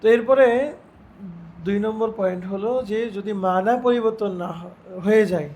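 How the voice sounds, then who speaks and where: A man teaching a religious lesson, reciting Arabic phrases slowly and putting questions to his students. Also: high voice, steady tone, darkish tone. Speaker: Islamic teacher.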